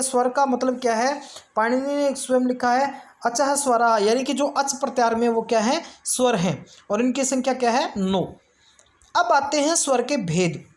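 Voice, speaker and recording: Slightly high-voiced woman teaching grammar. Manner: explains step by step, asks and answers her own questions; draws out vowel sounds slowly to demonstrate. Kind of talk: exam-prep grammar lesson.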